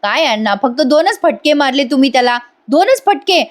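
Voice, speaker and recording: A woman's voice: sits high, quick pace, pitched above the performer's own voice, lightly acted. A woman voicing a mischievous younger brother who teases and eggs others on. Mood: teasing. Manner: teasing, gleeful.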